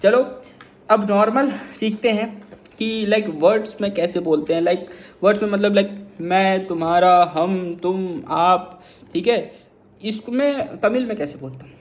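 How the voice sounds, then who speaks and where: A man from Lucknow with a noticeably high-pitched voice leads a casual beginner lesson. He drills each phrase slowly, repeats it, and keeps checking in with a quick "okay?". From Lucknow, northern India. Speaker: language learner teaching beginners. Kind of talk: casual vlog-style language lesson.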